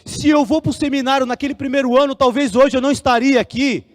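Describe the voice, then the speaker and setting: A man preaching a Sunday sermon, telling a personal story and acting out the dialogue with lively energy. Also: very high-pitched, quick pace. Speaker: pastor. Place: church hall. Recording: long church hall reverb.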